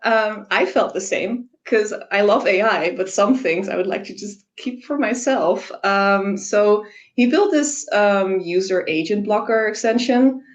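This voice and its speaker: A woman from the Netherlands with a Dutch accent, an engineer giving a casual tech talk over a video call, self-deprecating and quick to laugh, with frequent ums. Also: mid-range voice. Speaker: software engineer.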